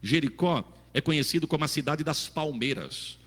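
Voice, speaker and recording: Fervent preacher. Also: male voice, on the high side, moderate pace, breathy edge, big-room sound. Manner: fervent, folksy preaching with swings from loud to quiet. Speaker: pastor. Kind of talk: sermon.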